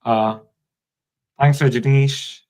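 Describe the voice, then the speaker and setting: A man's voice: medium pitch, fairly even intonation, drawn-out words, darkish tone, rough recording. A man hosting a live online session, welcoming viewers and reading out their comments over a video call. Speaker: live-stream host.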